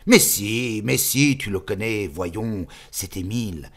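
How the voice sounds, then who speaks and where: Man doing an old bearded man, hushed. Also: low voice, moderate pace, breathy edge. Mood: hushed, insistent.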